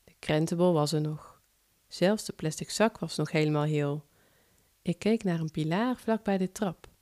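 A woman author narrating her own first-person short story in a calm, measured reading voice. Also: low voice.

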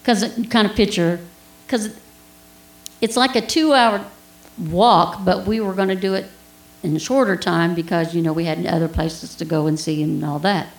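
A woman's voice: on the low side, fairly even intonation, normal speed, roomy sound, low-quality recording. A woman giving an informal Bible teaching, telling a personal story in a chatty way with laughs and asides.

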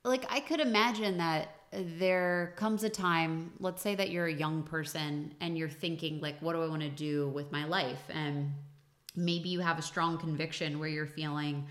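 A woman with a low voice hosts a casual interview. She thinks aloud in long winding questions, slipping into quick little imitations of what kids and parents might say. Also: steady tone, a bit bright. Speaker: interview host.

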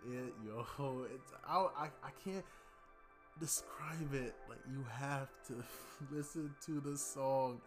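A young man hosting a podcast, chatting loosely about an album, rambling with lots of fillers. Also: mid-range voice. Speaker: podcast host. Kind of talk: casual music review chat.

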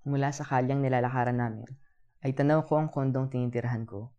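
Young man, first-person story narration, calm, reflective, mellow warm voice. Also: medium pitch, quick pace, dull audio.

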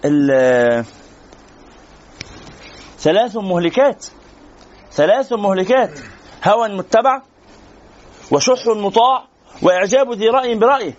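A man's voice: sits high, lively intonation, unhurried, long pauses, muffled recording. A man with an Egyptian Arabic accent giving a religious lesson to a class, talking conversationally and answering students' questions. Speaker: sheikh teaching a religious lesson.

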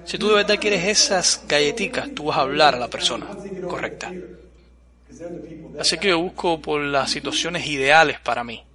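A man giving a blunt, forceful motivational speech to a live audience, asking rhetorical questions. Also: fairly high pitch, animated, moderate pace. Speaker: motivational speaker. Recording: crowd audible behind.

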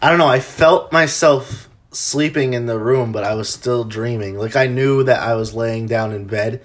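A man's voice: medium pitch, normal speed. Chatty man hosting a podcast. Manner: chatty, many fillers, laughs easily. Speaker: podcast host. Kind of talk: casual chat.

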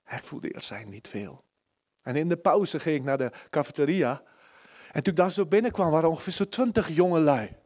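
A man preaching a sermon at a church service, impassioned, moving between loud pleading and hushed near-whispers. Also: a little high, brisk.

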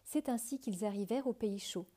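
Mellow woman reading a fairy tale. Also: a little high, fairly quick. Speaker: storyteller.

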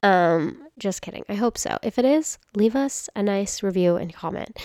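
Giggly young woman with a gravelly edge. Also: mid-range voice, lively intonation, normal speed, dark tone, dry recording, clean studio sound. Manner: giggly, rambling, self-deprecating. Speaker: podcast co-host. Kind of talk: casual chat.

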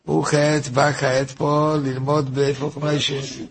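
A man's voice: on the high side, little pitch movement, a crowd in the background. A man, a rabbi giving a weekly Torah lesson, tells a story in a repetitive way, asks himself rhetorical questions and turns to his listeners with informal asides.

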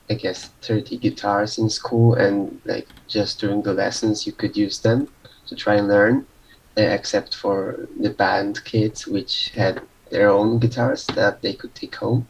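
A man from Poland, chatting casually on a podcast, pausing often with fillers. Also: on the low side, flat delivery, a little hiss or hum, low-quality recording. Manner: hesitant, many fillers. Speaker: podcast participant. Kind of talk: casual chat.

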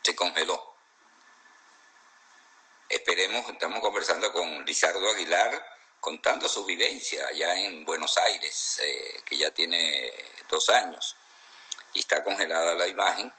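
Deep, husky interview host. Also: male voice, a little slow, sharp tone, low-quality recording. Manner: brief agreeing interjections. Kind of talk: hosting an interview.

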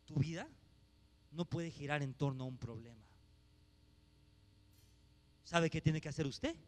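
A man preaching a sermon as pastor, swinging from hushed asides to shouted exhortation. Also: on the high side, measured pace.

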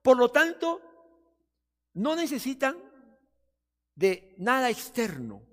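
A male pastor preaching a sermon, often acting out doubters and busy churchgoers in quick quoted asides. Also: extremely high pitch, big pitch swings, fairly bright tone. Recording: long reverb of a church hall.

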